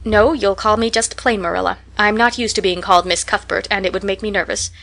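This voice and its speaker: A woman voicing a strict, disapproving middle-aged spinster guardian in an audiobook, brisk and immovable. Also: medium pitch, fairly even intonation, gravelly, fairly bright tone. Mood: matter-of-fact. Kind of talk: audiobook character voice.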